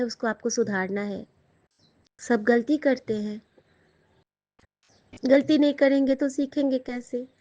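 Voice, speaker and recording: A woman giving a devotional satsang talk, speaking personally and directly to her listeners, full of stories. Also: a little high. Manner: warm, personal, addresses listeners as sangat ji. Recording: slightly dull lo-fi sound.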